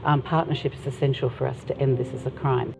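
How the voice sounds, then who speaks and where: A woman's voice: rumbling low, little pitch movement, quick pace, gravelly, over music. A woman, founder of a charity, explaining earnestly in an interview. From Australia. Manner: earnest, explanatory, occasional fillers. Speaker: anti-trafficking charity founder. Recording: tinny phone-like audio.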